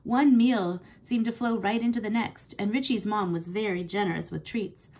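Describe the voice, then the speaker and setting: Husky woman reading a story aloud. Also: mid-range voice, normal speed. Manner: expressive storytelling. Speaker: teacher. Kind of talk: classroom read-aloud.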